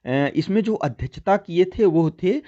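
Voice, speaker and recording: A teacher who hosts a history quiz channel gives an exam-prep lesson, calling listeners his friends and repeating key points as he explains. His high-pitched, mellow voice has lively intonation and a slightly slow pace, and the recording sounds muffled.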